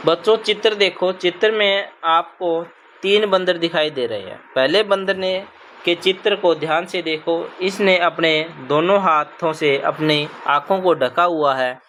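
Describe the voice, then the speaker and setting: A man's voice: a little high, measured pace, a bit bright, slight background noise. A man teaching a primary school language lesson to children, patient and repetitive, checking in with the class often. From Punjab. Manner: patient, repeats "ठीक है बच्चों" often.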